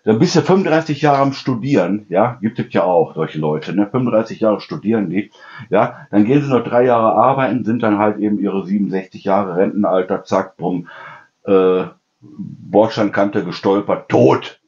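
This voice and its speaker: A man's voice: lowish voice, normal speed, darkish tone. A middle-aged man talks in a loose, rambling home-kitchen chat. He keeps tagging his sentences with a questioning "ne?" and slips into little imitations of other people. The sound is slightly muffled and lo-fi. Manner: chatty storyteller, constant "ne?" tags, mimics people. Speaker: cooking channel host. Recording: dull lo-fi sound.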